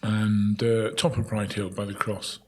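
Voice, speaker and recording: A man's voice: fairly low pitch, little pitch movement, unhurried, darkish tone, slight background noise. A middle-aged man, a town crier being interviewed, telling anecdotes in a casual, chatty way and often repeating words as he goes.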